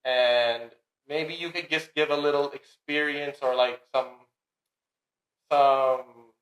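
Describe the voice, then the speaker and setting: Playful dad host with a bright voice. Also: male voice, medium pitch, steady tone, slow. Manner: playful, teasing, hype-man energy. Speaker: podcast host and father. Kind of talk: casual family podcast chat. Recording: roomy echo.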